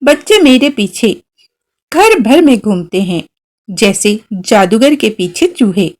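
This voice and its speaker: A woman's voice: medium pitch, slow. A woman reading a literary short story aloud, telling it expressively as a young girl thinking to herself. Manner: expressive, voicing a young girl's first-person thoughts. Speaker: story narrator.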